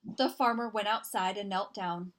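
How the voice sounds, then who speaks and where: A woman in the storyteller role reads a picture book for children out loud. Her mid-range voice carries deliberate, expressive narration with dramatic stresses.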